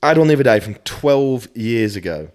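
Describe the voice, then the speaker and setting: A British fitness coach in his early thirties chats casually as a podcast guest, blunt, sweary and self-deprecating. His mid-range voice is animated and brisk, with a slightly mellow tone.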